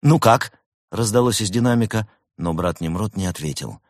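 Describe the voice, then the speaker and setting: A man narrating an audiobook with expressive, measured storytelling. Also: low voice, dry recording, studio quality.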